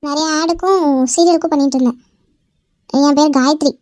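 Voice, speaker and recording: A woman's voice: high voice, fairly even intonation, a little fast, a little mellow, dry recording, studio quality, close to an everyday voice. A woman voicing a blunt, sassy young woman in an amateur cartoon.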